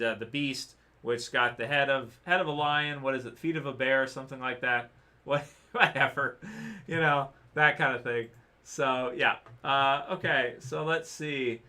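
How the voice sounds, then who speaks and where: Answering chat on his casual livestream, this man speaks in a bright, forceful, mid-range voice. He rambles through viewers' questions, full of fillers and false starts, and says his voice is going.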